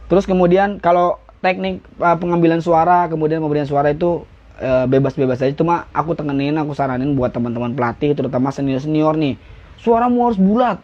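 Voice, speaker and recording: A man's voice: fairly high pitch, fairly even intonation, fast, darkish tone, highs cut off. A young man teaching flag ceremony steps in a casual live-stream lesson, joking and now and then barking out commands.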